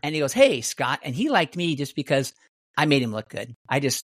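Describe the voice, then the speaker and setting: A man's voice: a little high, big pitch swings, fairly quick, no echo, clean studio sound. Rambling middle-aged man telling stories. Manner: rambling, many restarts and fillers. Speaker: guest martial artist. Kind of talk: casual storytelling.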